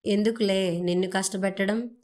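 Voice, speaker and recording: Woman reading a sharp-tongued, irritable young husband for an audio story. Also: mid-range voice, steady tone, moderate pace, lightly acted. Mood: irritated. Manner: sharp, reproachful delivery.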